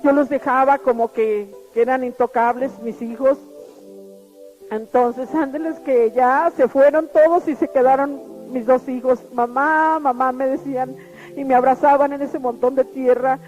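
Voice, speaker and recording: Woman, high voice, halting testimony with restarts, muffled sound. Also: fairly even intonation, darkish tone. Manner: earnest and halting, with frequent restarts and repeated words. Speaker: witness giving a testimony. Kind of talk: spoken personal testimony. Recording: muffled recording with faint background music.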